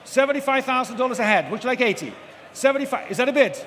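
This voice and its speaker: A man's voice: extremely high pitch, expressive, very fast, a bit bright. A man working as an auctioneer, calling bids live in a repetitive chant and prompting bidders for the next figure. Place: large auction hall with live audience. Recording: echoey noisy hall, amplified live event.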